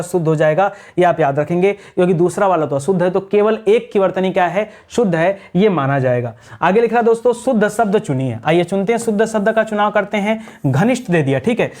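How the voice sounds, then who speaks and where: A man's voice: high-pitched, a little mellow. A male teacher going through spelling questions in an exam-prep lesson, asking a question and then answering it himself. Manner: drills answers with repeated questions.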